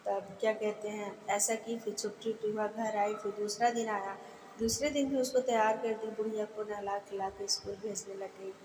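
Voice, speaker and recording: A woman retelling a devotional folk tale in a homely, chatty way, often pausing on fillers and restarting her sentences. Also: mid-range voice, flat delivery, darkish tone, a little hiss or hum. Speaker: devotional storyteller. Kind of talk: casual folk-tale narration. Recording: echoey room with long reverb.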